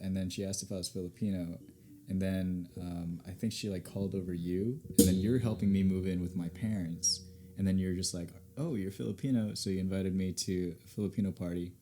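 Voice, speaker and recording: A young American man with a low voice appears as a podcast guest, rambling through stories in an easygoing way during a casual interview. Background noise is audible.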